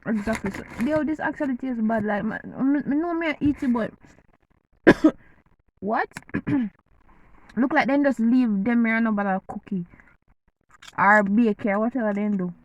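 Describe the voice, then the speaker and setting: A Jamaican woman vlogger with a Jamaican accent chats playfully and teasingly to camera while eating. Her voice is fairly high and her pace measured, with long pauses, and the audio is dull with a little hiss or hum.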